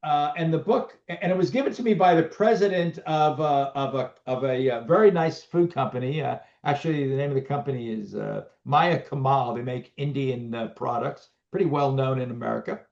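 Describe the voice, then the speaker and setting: A man's voice: mid-range voice, normal speed, creaky, few pauses, darkish tone. Middle-aged man, guest on a video call, rambling with restarts, muffled sound. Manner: rambling, many restarts and fillers. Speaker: business owner guest. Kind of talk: casual interview talk. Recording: muffled lo-fi audio.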